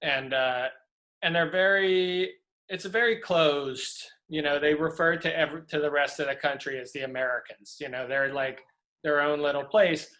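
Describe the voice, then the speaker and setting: A prop master from Louisiana, middle-aged, rambles through his stories in a casual video-call interview, full of fillers and restarts. His voice sits on the high side at a moderate pace, and the recording quality is low.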